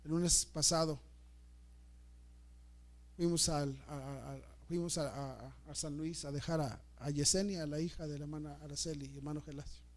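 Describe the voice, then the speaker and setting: Delivering a sermon built around a story, this middle-aged pastor is emotional, repeats his words, and swings dramatically between loud and soft. He speaks at a moderate pace in a fairly high voice with a steady tone.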